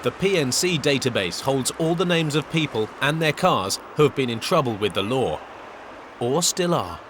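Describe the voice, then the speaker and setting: A man delivers scripted documentary narration at a mid pitch, measured and dramatic. It is a clean studio voice-over. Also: expressive, background noise.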